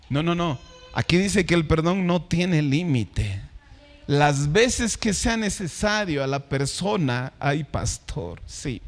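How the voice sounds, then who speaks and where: A man preaching a sermon as pastor, reading scripture and asking the congregation questions. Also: sits high.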